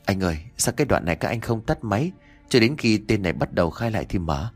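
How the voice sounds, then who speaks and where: A man voicing a gentle young wife who speaks softly. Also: fairly low pitch, lively intonation, fast, slightly rough, faint music behind. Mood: worried. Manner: soft, gentle.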